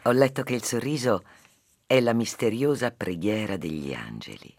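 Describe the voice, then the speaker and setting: A man conducting a conversation and then narrating a fairy tale in an animated, expressive way. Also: lowish voice, normal speed, dry recording, studio quality. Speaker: interviewer and storyteller.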